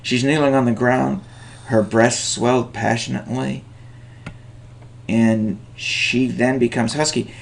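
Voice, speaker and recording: A middle-aged man lecturing on a short story, animated, with chuckling asides and many fillers. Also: medium pitch, a little slow, gravelly. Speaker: teacher.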